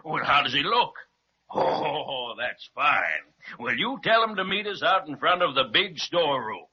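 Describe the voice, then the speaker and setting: Fatherly old Santa, hearty and lively, 1930s radio drama, muffled. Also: a little high, measured pace, a little hiss or hum, full character voice. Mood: jolly. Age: older. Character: jolly kindly old Santa Claus.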